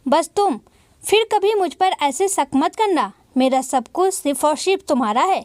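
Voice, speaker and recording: A woman voicing a young man in a storybook reading, a smooth, evasive husband. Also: high voice, expressive, moderate pace, a little mellow, no echo. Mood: coaxing.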